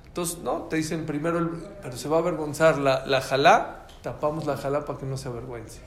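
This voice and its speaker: Mexican male religious teacher, animated storyteller, slightly high voice, faint room noise. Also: fairly quick, reverberant. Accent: Mexican Spanish. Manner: animated, quizzes the audience.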